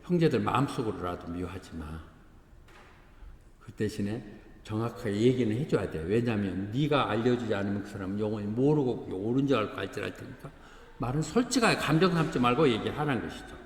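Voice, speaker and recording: A man's voice: fairly low pitch, expressive, brisk. Male pastor, conversational sermon, acted dialogue, long church reverb. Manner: conversational preaching, breaks into acted dialogue, chuckles at congregation. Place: church sanctuary. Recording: echoey church hall, faint ambience.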